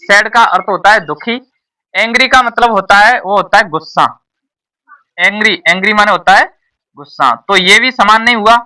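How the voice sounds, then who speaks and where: A male tuition teacher walks a class through an exam paper, repeating each point and tossing questions back at the pupils. His voice is bright and forward. It is caught from a distance in the classroom, so it sounds a little far from the mic. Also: high-pitched, moderate pace. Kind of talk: classroom exam-prep lesson.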